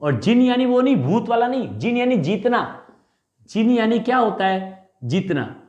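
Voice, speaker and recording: A man teaching a Hindi exam class, drilling memory tricks with animated repeated questions and answers. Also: very high voice, a little slow, reverberant, muffled recording. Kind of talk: mnemonic lecture.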